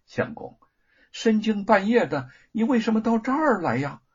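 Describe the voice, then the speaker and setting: Male narrator doing a caring young wife, raised husky voice, worried, storybook reading. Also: high-pitched, sing-song, normal speed, pitched above the performer's own voice, exaggerated voice. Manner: worried, gentle. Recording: dull lo-fi recording.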